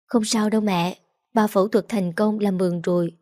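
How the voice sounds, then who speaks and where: Reading the part of a distressed, anxious young wife, a woman speaks at a moderate pace with medium pitch and fairly even intonation. Her tone is darkish and close to an everyday voice, captured in clean studio sound with no room echo.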